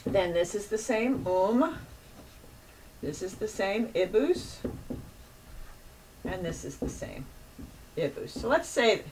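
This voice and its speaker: A woman teaching a Latin grammar lesson, patiently repeating and drilling word endings as she works at the board. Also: on the low side. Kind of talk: classroom lecture at a board. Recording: distant mic with faint room noise.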